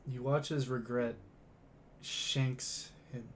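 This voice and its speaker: A man narrating a tabletop game as game master, measured and deliberate, stumbling when flustered. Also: mid-range voice, fairly even intonation, a little hiss or hum.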